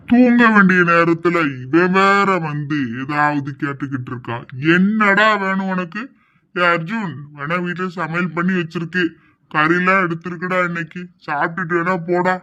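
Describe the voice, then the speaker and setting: A man voicing a grumpy, sleepy old village grandfather who scolds in a gruff, dismissive way. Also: high-pitched, normal speed, sharp tone, muffled recording. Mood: grumbling. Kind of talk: amateur audio drama acting.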